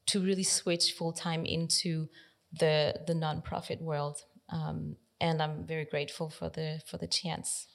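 A woman in her forties from Denmark speaks as a guest on a podcast. Her voice sits a little low, and she talks thoughtfully, often stopping to gather her words with fillers before going on. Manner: thoughtful, hesitant with many pauses and fillers. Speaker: podcast guest, nonprofit library director. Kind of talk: reflective interview conversation.

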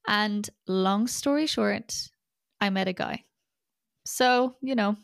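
A young Irish woman hosts a podcast, delivering a scripted monologue in a chatty, self-deprecating, wry manner with an Irish accent. Her medium-pitched voice is gravelly, captured with clean studio sound and no echo.

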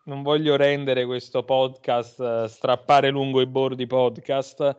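A man's voice: mid-range voice, flat delivery, a little slow, a little mellow, smooth. A man on a podcast panel talking football casually, often interrupting and restarting himself. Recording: slightly dull, lo-fi podcast audio.

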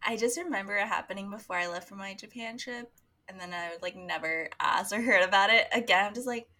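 Giggly young woman podcaster, bright voice. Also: medium pitch. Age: 20s. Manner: giggly, quick to laugh. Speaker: podcast co-host. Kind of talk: casual chat.

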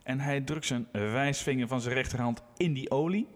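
A man from Groningen telling a story in casual podcast talk, bringing each character to life as he speaks. He has a mid-range voice, and it carries a long reverb tail from the room. He comes across as an eager, lively storyteller. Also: mid-range voice, normal speed. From Groningen, Netherlands. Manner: animated anecdote teller, acts out quotes. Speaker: podcast co-host, physiotherapist.

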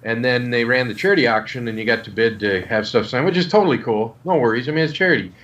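Guy showing off collectibles, unscripted and rambly, mid pitch, bit dull lo-fi sound. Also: fast talker, a bit bright. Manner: rambling, hesitant show-and-tell. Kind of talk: natural unscripted talk.

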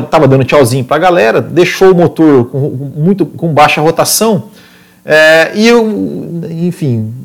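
A Brazilian man with a slightly high voice talks like an informal motorsport commentator. He recounts racing in an animated, spontaneous way, circling back on words and checking in with short tag questions. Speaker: motorsport podcast or stream host. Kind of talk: casual motorsport commentary, retelling a past race.

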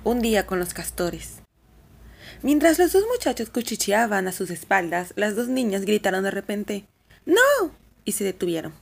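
A woman reads a children's novel aloud as an audiobook. Her narration is clear and expressive, at an everyday pitch. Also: normal speed.

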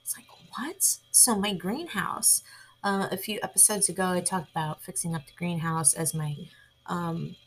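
A woman hosting a casual chat podcast, talking chattily and with animation, sometimes dropping into hushed whispered asides. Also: on the low side, fairly even intonation, normal speed, a little hiss or hum, poor audio. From New York. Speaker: podcast host.

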